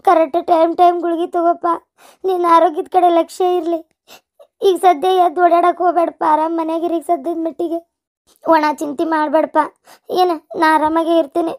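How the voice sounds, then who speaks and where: A woman doing a high, caring cartoon child. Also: little pitch movement, fairly quick. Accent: North Karnataka Kannada. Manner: gentle, caring advice. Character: caring grown child leaving home.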